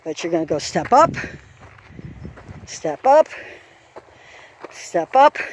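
A woman walks a farm trail course outdoors and recites each move in an unhurried, deliberate way. She counts out steps and trots aloud, recorded on a handheld camera as she walks, with faint outdoor sounds behind her. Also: fairly low pitch, very animated, a little hiss or hum. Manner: calls out steps and trot rhythm. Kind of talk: walking course instruction. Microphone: handheld camera while walking. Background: faint outdoor farm ambience.

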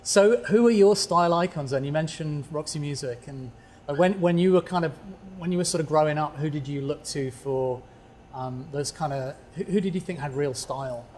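A man's voice: fairly high pitch, normal speed, darkish tone, slight background noise. A man interviewing a musician guest in a casual chat, admiring and conversational. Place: lounge venue.

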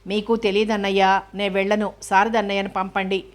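A woman reading the lines of a hurt but spirited young wife who speaks gently yet firmly, in a storybook reading. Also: medium pitch, flat delivery, brisk, close to an everyday voice. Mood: earnest. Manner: gentle, teasing and firm.

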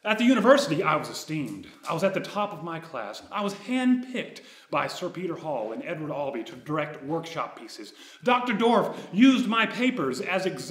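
A man in his thirties reading a true personal story aloud on a dark theater stage, wry and ironic. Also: on the high side, echoey room.

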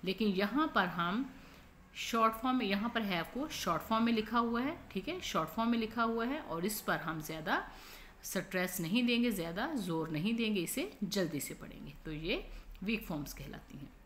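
A woman teacher going through a textbook lesson, repeating each point patiently and reading the English examples slowly. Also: mid-range voice, animated, fairly bright tone, a little hiss or hum.

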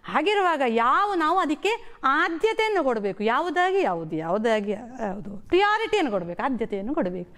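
Woman teacher on a tv lesson, high voice bouncing all over, talks to the kids. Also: a little fast. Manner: explains words and asks children questions; lively, sing-song storytelling delivery. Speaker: primary school teacher. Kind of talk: televised classroom lesson.

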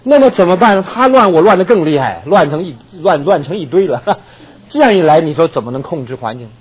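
A man's voice: on the high side, expressive, fairly quick, breathy edge, low-quality recording. An older man preaching a sermon as a pastor, telling a story with laughter and acted-out dialogue.

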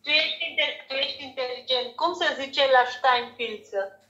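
A woman chatting casually in her home kitchen, animated and quick to exclaim. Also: high voice, roomy sound, highs cut off. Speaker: home cook and vlogger. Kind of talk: casual family chat.

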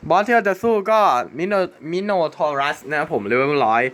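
Bright-voiced young man commenting on gameplay. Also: on the high side, big pitch swings, a little fast. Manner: chatty, swears and exclaims at the game. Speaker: gaming channel host.

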